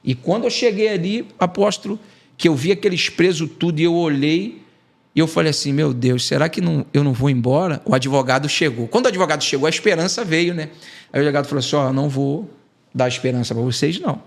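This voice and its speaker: Animated Brazilian man telling his testimony. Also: a little high, quick pace, creaky. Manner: animated storytelling, acting out quoted dialogue. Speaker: evangelist guest. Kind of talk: emotional testimony in a podcast interview.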